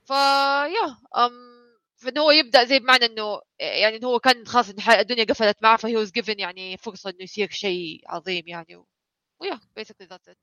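A woman chatting casually about anime on a podcast. She is excitable and hesitant, with lots of fillers and English words mixed in. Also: a little high, fast talker, dry recording, highs cut off. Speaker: podcast co-host.

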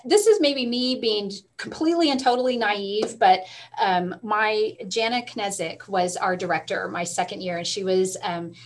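Animated middle-aged woman storyteller. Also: mid-range voice. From Texas. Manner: animated storyteller, quick asides, frequent laughs. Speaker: guest, school librarian. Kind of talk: casual interview talk.

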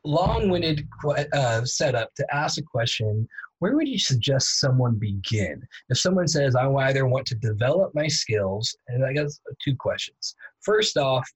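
A man's voice: mid-range voice, breathy edge, low-quality recording. A man from the United States hosting a podcast interview, talking in a loose, rambling way with frequent restarts and long-winded questions. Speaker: podcast host. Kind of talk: casual interview chat.

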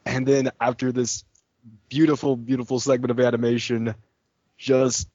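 A man's voice: medium pitch, little pitch movement, normal speed, darkish tone, no room sound, lo-fi sound. A man casually and enthusiastically reviewing with friends, swearing now and then.

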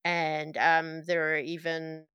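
Bright, wry woman running a tabletop game. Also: sits low, completely flat delivery, takes it slowly, clear, resonant tone, no echo. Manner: wry, sarcastic. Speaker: game master. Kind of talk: narrating a tabletop game, casual banter.

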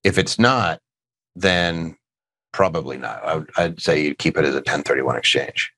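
A man's voice: very deep voice, moderate pace, bright, forceful tone. A middle-aged man hosting a casual tax question show, answering listener questions and cracking dad jokes. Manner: joking, rambling, dad-humor asides.

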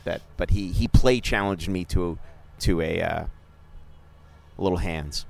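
A deep voice with vocal fry and an unhurried, measured pace belongs to a middle-aged man co-hosting a podcast. A sports journalist, he chats loosely, cracks jokes and often interrupts himself.

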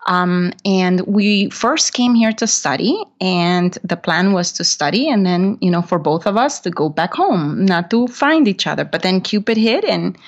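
A woman's voice: lowish voice, expressive, unhurried, few pauses. Woman from honduras guesting on a podcast, earnest, kinda muffled audio. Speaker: guest, real estate investor. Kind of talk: casual podcast interview.

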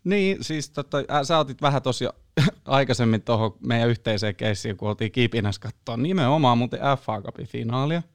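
A man's voice: medium pitch, lively intonation, clean tone, no room sound. A man hosting a casual interview chat, easygoing and prompting his guest with questions. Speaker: host.

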